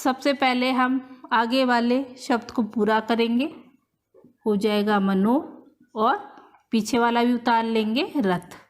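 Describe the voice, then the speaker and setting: Slow, high-voiced woman teaching grammar. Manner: slow, repetitive step-by-step explaining. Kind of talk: whiteboard-style grammar lesson.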